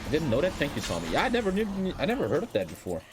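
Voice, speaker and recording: Against a noisy background of loud music, a man with a German accent speaks rapid-fire in a fairly high voice that swoops wildly in pitch. His livestream chat over gameplay is casual, rambling, blunt and packed with swearing.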